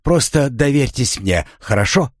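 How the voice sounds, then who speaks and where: A man's voice: mid-range voice, animated, measured pace, no room sound, clean studio sound, voice pushed up. A man reading an audiobook, voicing a determined young woman police lieutenant who speaks firmly and reassuringly. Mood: urging. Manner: firm, reassuring.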